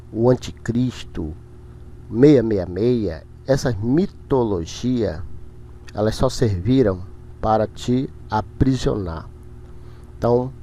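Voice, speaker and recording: A man hosting his own religious channel, delivering a preachy monologue to his viewers in a halting way, repeating words and breaking into emphatic bursts. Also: medium pitch, gravelly, dark tone.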